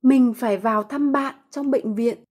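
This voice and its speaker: Woman voicing phrase translations, even read, husky and warm. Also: high voice, normal speed. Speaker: Vietnamese translation reader. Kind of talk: scripted translation reading.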